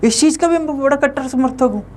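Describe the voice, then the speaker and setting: A man's voice: extremely high pitch, fast talker, a little mellow, a little hiss or hum. A young man teaching an online lecture in a conversational way, often asking the viewers rhetorical questions.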